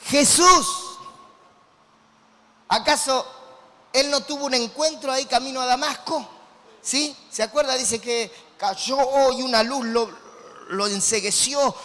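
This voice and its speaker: A man with an Argentine Spanish accent preaching a sermon as a pastor, animated and quizzing his congregation. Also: extremely high pitch, slow, long pauses. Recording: long hall reverb.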